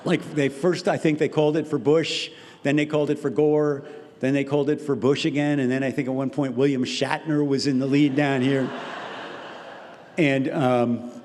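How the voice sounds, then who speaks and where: An older man telling a comic story and answering audience questions, rambling and self-interrupting with wry deadpan asides. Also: fairly high pitch. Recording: hall reverb, faint background noise.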